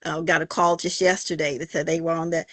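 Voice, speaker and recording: An older woman from Arkansas, answering in a halting, folksy way with many fillers. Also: sits low, level tone, a bit bright, dry recording. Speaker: interviewee, church member. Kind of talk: casual conversation.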